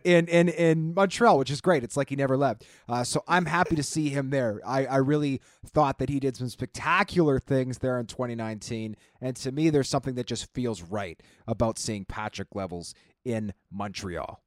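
A man's voice: medium pitch, normal speed, hardly any pauses, dry recording, clean studio sound. A man co-hosting a sports talk show, chatting casually and often repeating words as he starts a thought.

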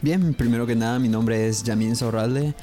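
A young man teaches English on a podcast, speaking directly to his listeners. His voice is mellow and warm at a middle pitch. He slows right down to say each model phrase twice. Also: steady tone, faint music behind. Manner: slow, drawn-out model pronunciations repeated twice; explanatory, addresses listeners directly. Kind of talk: podcast language lesson.

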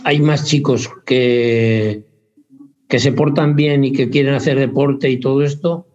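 Man, hesitant rambling interview talk, self-correcting, mid pitch, muffled lo-fi recording. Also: steady tone, unhurried, a little mellow. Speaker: interviewee, basketball parent. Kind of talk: casual interview chat. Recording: dull lo-fi sound.

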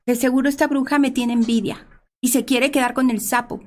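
A woman's voice: high voice, steady tone, a little fast, a little mellow, natural voice. A woman voicing a naive, devoted young princess in a told fairy tale, speaking earnestly.

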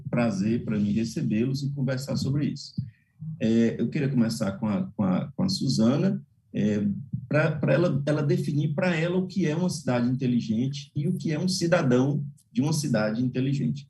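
A man's voice: mid-range voice, a little fast, mellow. A man with a Brazilian accent hosting a live interview show in a courteous, informal manner. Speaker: host.

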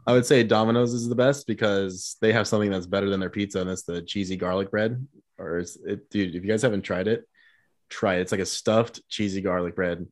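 A young man in his twenties hosts a casual talk among friends. His voice sits low and the sound is dry, with no room around it. He rambles loosely, swears freely and fills pauses with "uh" and "like.". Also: steady tone, dry recording. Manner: loose, profane, rambling with fillers and laughs. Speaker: podcast host. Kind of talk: casual chat.

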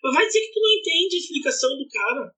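A podcast co-host telling travel stories in a casual, animated and indignant way, swearing along the way. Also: sits high, rapid-fire, low-quality recording. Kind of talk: casual storytelling chat.

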